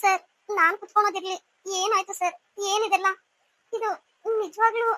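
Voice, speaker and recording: A woman's voice: extremely high pitch, fairly even intonation, moderate pace, pushed and bright, no echo. A woman voicing a devoted young wife in a cartoon serial, speaking in an earnest, pleading way.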